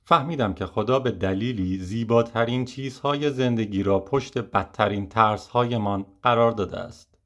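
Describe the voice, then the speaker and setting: A man narrating a first-person memoir audiobook in a measured, reflective way. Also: fairly low pitch, fairly bright tone.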